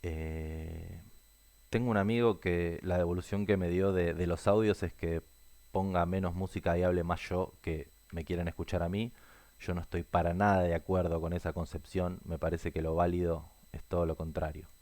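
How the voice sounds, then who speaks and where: A man's voice: low-pitched, steady tone, moderate pace, a little mellow. A man hosting a podcast, talking casually and earnestly with many fillers. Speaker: podcast host. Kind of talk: casual spoken commentary.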